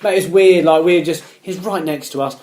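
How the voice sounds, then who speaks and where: A man's voice: a little high, normal speed, darkish tone. A man, chatting casually as podcast co-host and telling anecdotes, swearing and acting out voices. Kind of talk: casual chat, storytelling. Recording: roomy echo, faint background noise.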